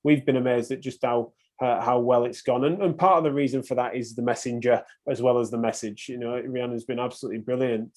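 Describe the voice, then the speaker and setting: A man's voice: medium pitch, fairly even intonation, fairly quick, hardly any pauses. A man hosting a podcast interview, enthusiastic and prone to restarting his sentences. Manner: hesitant restarts, warm enthusiasm. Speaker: podcast host.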